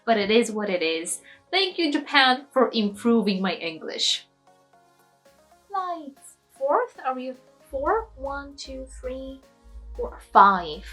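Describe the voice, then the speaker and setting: A woman's voice: on the high side, a bit bright, rough recording. Passionate, preachy woman vlogger from Eastern Europe. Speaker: study abroad vlogger. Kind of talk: opinionated vlog rant.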